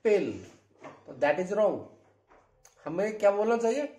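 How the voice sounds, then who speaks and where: A man's voice: high-pitched, expressive, darkish tone, echoey room. A man with an Indian accent teaching English pronunciation, asking questions and repeating each word several times for drill. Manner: repeats words slowly for drill, asks questions. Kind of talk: classroom-style lesson.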